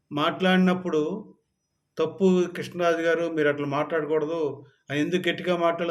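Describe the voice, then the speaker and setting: Man, fairly high voice, scolding political rant, heated and accusing. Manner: scolding, rising to shouted anger. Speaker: political commentator. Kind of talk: angry political rant to camera.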